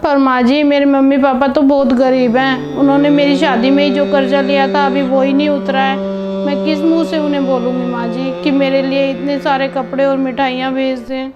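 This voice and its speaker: A woman voicing a meek young daughter-in-law who pleads softly. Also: sits high, flat delivery, normal speed, dull audio, natural voice. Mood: pleading. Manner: soft, pleading. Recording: piano music behind.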